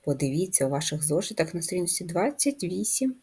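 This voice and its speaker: Her pitch swings widely as this primary school teacher walks first graders through writing a letter, splitting words into slow, clear syllables. The voice is mellow, somewhat low, soft-edged and faintly husky.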